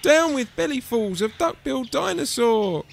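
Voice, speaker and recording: A man voicing a gentle misfit young male tyrannosaurus in a storybook, plaintive and hooting. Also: extremely high pitch, expressive, normal speed, gravelly, a little hiss or hum, pitched above the performer's own voice, exaggerated voice. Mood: protesting.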